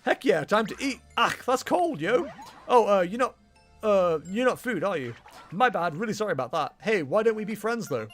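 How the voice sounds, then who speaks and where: A goofy bird monster voiced by a man from a video game, high and lively in pitch. It comes across as greedy, dim and friendly, quick to say sorry. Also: soft background music. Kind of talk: acting out video game dialogue.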